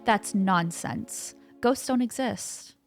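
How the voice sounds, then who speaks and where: A woman's voice: mid-range voice, slow pace, soft background music. Curt, scoffing young male student who dismisses every claim , read plainly by a woman. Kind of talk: reading game dialogue aloud.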